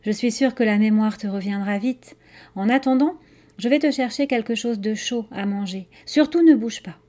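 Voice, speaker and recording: A friendly, chatty young boy from a storybook, as a woman reads him. He talks eagerly and asks quick questions in a fairly high, mellow voice. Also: natural voice.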